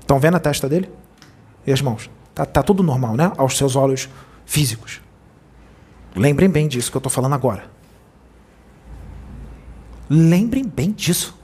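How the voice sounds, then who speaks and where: A man's voice: mid-range voice, a little mellow, slightly rough. A man speaking as a spiritual medium, giving a channeled sermon in an admonishing tone and asking many rhetorical questions.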